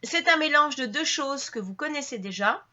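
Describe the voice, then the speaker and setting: A woman's voice: high-pitched, lively intonation, moderate pace, sharp tone, dull audio. A woman teaching a French grammar lesson to her channel's viewers, explaining patiently step by step with frequent fillers and restarts.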